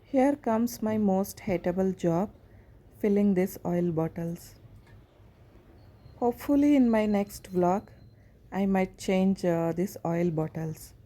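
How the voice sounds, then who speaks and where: A woman with a South Indian accent narrates a homely vlog at an unhurried pace. Her voice is mid-pitched and mellow, with a gently hesitant, everyday way of putting things. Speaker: home vlogger.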